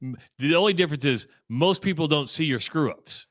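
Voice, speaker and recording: A man's voice: a little high, expressive, brisk, a bit bright, no room sound, studio quality. A man co-hosting a radio show, telling stories and building up to the punchline. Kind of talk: casual talk radio banter.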